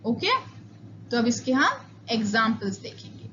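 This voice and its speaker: A woman's voice: fairly high pitch, sing-song, a bit bright, dull audio, slight background noise. A woman with an Indian accent teaching an online English grammar lecture, explaining step by step and switching between Hindi and English. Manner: slow, deliberate explaining, mixing Hindi and English.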